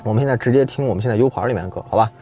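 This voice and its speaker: Brief: man, car reviewer, rapid chatty delivery in a car, music playing under him. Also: medium pitch, warm tone. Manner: quick, chatty, evaluating sound with fillers. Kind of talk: casual in-car review chat. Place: inside a car.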